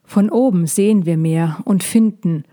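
A woman voicing Lysandra, a calm dragoness. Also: lowish voice, unhurried, lightly acted. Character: calm, caring young female dragon. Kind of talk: storybook reading.

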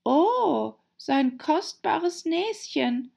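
A woman's voice: high-pitched, sing-song, a little slow, gravelly, a little mellow, slightly rough, voice pushed up, exaggerated voice. A woman voicing a polite, somewhat timid little girl in an audiobook, courteous and eager to explain things. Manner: shy and polite, eager to show off knowledge. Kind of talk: audiobook character voice.

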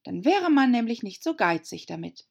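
A woman's voice: on the high side, very animated, moderate pace, gravelly, darkish tone, slightly rough, lo-fi sound, pitched above the performer's own voice, exaggerated voice. A woman voicing Alice, a polite and thoughtful young girl, speaking earnestly. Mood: eager.

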